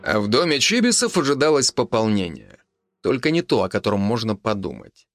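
A man narrating an audiobook in an even storytelling manner. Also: lowish voice, a little fast, over music. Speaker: audiobook reader.

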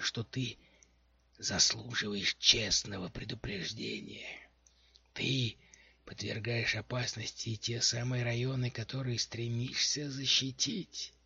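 A man reading aloud, voicing a gaunt female elf necromancer who speaks in a slow, hoarse whisper, heard in a dull lo-fi recording. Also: mid-range voice, bright, forceful tone, no echo, heavily acted.

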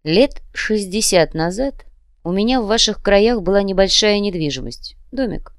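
A woman's voice: medium pitch, lively intonation, moderate pace, no echo, clean studio sound, voice pushed up, natural voice. A woman voicing a polite but menacing male demon commissar who threatens in a cold, courteous way. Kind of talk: audiobook character reading.

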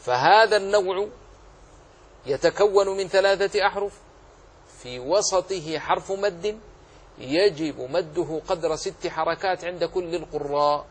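A man teaching the rules of Quran recitation in a religious lesson, speaking haltingly, with drawn-out pauses and repeated words, and spelling out single letters one by one. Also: high voice, slightly rough.

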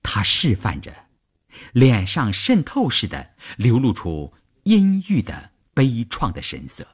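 Male story narrator, mid-pitched, very animated intonation, dramatic reading. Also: takes it slowly, slightly rough.

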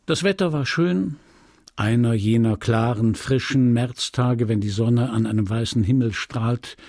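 A man narrating a classic novel with a gravelly, husky voice, measured and expressive. The studio recording is close and dry, with no room sound. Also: mid-range voice, no echo. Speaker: audiobook narrator. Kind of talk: literary audiobook reading.

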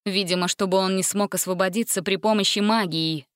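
A woman reads a fairy tale aloud with lively, expressive narration. Her voice sits in the middle range. The sound is close and dry with no room around it. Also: mid-range voice, a little fast, dry recording.

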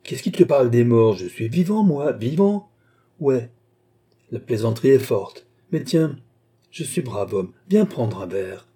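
A man's voice: mid-range voice, animated, takes it slowly, warm tone, husky. A man reading aloud, voicing a burly, mad male cemetery keeper who talks in a sneering, mocking and menacing way. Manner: sneering, jovial then curt.

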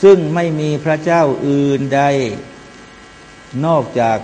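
An Islamic preacher delivers a Quran commentary, chanting Arabic verses between plain explanations and calling his listeners brothers and sisters. His voice is a little high and dark in tone, and he speaks slowly. A long hall reverb and faint mains hum color the recording.

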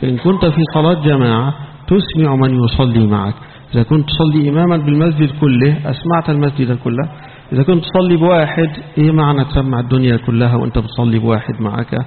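A rapid-talking Egyptian sheikh with a gravelly edge teaches scripture commentary, jumping from formal preaching into sharp everyday rebukes. His voice comes through a tinny, phone-like recording with a long hall echo and faint hiss behind it. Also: medium pitch. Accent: Egyptian Arabic. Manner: switches from formal preaching to scolding colloquial asides. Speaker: sheikh giving Quran commentary. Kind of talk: mosque lesson on scripture.

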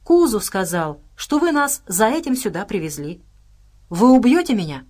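An earnest, gentle alien creature with many arms speaks in a middle-pitched voice, as a woman reader gives him lines. His talk is plain and sincere, told for an audiobook. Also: very animated, moderate pace. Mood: anxious.

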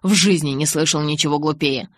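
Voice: mid-range voice, brisk, fairly bright tone, dry recording, lightly acted. A reader voicing a tense, protective young male vampire who growls and strains his words in an audiobook. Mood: grim.

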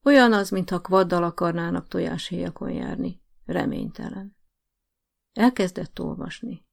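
A woman narrating a collection of short stories in a measured, wry storytelling manner. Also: fairly low pitch, gravelly. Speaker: audiobook narrator. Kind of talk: scripted narration.

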